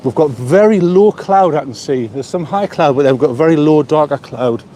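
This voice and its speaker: A man from the North East of England live-streams a walk along a seaside pier, chatting to viewers in a rambling way and repeating words while thinking. His slightly high, dark-toned voice has lively intonation at normal speed, captured on a small phone mic with slight background noise.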